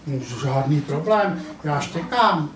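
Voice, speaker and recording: A man's voice: a little high, lively intonation, a little hiss or hum, natural voice. A man voicing a shy, sad young puppy in a live puppet show. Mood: timid. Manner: shy, eager, hesitant. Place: family centre playroom, live puppet show. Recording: echoey room from far off, audience.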